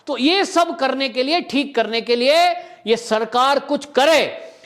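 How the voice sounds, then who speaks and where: A man's voice: extremely high pitch, takes it slowly, fairly bright tone. A man delivering an impassioned political commentary monologue as a commentator, full of rhetorical questions.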